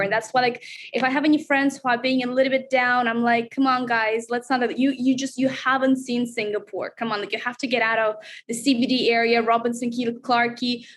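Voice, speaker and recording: A woman's voice: on the high side, a little hiss or hum. A woman from Russia, a guest chatting upbeat in an interview, with many fillers. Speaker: reality show contestant, guest. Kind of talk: casual interview chat.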